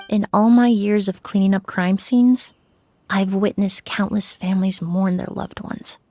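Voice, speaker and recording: A woman voicing a composed, analytical investigator in a video game, with a measured, reflective and articulate delivery. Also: medium pitch, dark tone, no room sound, lightly acted. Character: composed, analytical woman, crime scene cleaner turned investigator.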